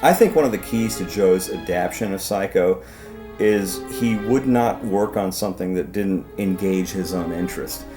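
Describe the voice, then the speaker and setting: A man in a documentary interview, explaining things in a thoughtful, measured way. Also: deep voice, over music.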